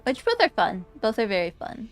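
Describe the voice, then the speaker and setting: A woman's voice: on the high side, huge pitch swings, normal speed, soft background music. A woman in her twenties chatting casually with her stream viewers, rambling and giggly with lots of fillers. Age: 20s. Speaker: VTuber streamer.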